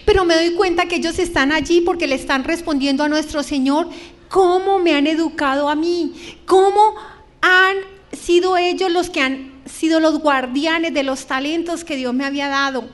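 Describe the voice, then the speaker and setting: Middle-aged woman telling her faith story to a crowd, high voice, drags words out, gets choked up. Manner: dramatic, slows down and stretches words, voice breaks with emotion. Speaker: speaker giving a religious testimony. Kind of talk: emotional testimony to an audience.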